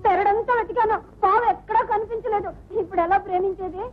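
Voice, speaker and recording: A woman's voice: very high-pitched, steady tone, fast talker, slight background noise. An actress playing a naive, comic young woman who speaks earnestly. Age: young adult. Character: naive, comic young woman eager to love her cousin. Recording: dull old film soundtrack with music.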